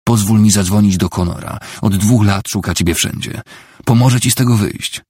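A man reading the part of a grieving, desperate wife who pleads and shouts at her husband. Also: fairly low pitch, normal speed, husky, dry recording, studio quality. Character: desperate grieving wife, middle-aged woman.

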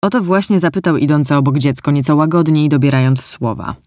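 Calm audiobook narrator, dry close sound. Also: mid-range voice, brisk, no room sound. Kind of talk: scripted narration.

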